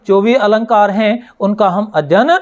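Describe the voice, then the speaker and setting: A woman teacher giving a slow classroom explanation, asking her students questions and answering them herself, repeating key words. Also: mid-range voice, muffled recording. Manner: recites verse lines slowly, word by word.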